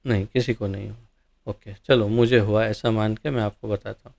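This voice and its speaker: A man's voice: lowish voice, normal speed, creaky. A man teaching a devotional scripture class, asking his listeners questions and animatedly explaining verses. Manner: animated, rhetorical questions to audience. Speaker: ISKCON preacher.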